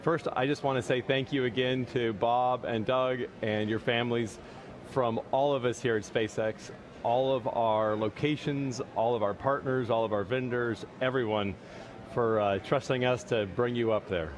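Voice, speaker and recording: A man's voice: medium pitch, fairly even intonation, moderate pace. A man giving live remarks and putting questions as a company representative at an event. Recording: noisy live link with ambient hum.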